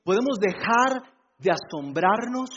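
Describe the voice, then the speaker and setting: A man's voice: sits high, lively intonation, unhurried, dull audio, background noise. A male pastor preaching a sermon to his congregation, talking in a conversational way, asking them questions and teasing them with humor. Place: church before a congregation.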